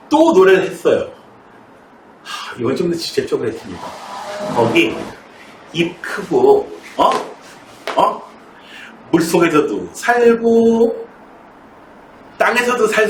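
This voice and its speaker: A man's voice: high-pitched, very animated, slow, long pauses, a little hiss or hum. A middle-aged man teaching math in a classroom and telling a story, chatty and often asking students questions, recorded from a distance in an echoey room. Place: academy classroom in Seoul.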